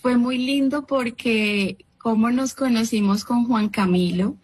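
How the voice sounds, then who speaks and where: A woman's voice: fairly high pitch, measured pace, darkish tone, slightly rough, poor audio. A woman in her thirties giving an earnest, reflective personal faith testimony as a guest. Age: 30s. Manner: earnest, reflective, with frequent restarts.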